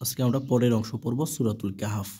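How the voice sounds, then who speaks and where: In a slow, letter-by-letter recitation lesson, a man with a Bangladeshi Bengali accent spells each syllable of the Quran aloud, then draws out the joined word. He speaks at a quick pace in a medium-pitched, steady, mellow voice with a breathy edge.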